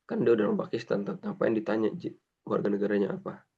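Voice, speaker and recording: A man teaching basic Arabic in a classroom lesson, reading out phrases slowly and translating each one. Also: on the low side, little pitch movement, creaky, slightly rough. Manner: slow, explains phrases by reading and translating them. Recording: dull lo-fi recording.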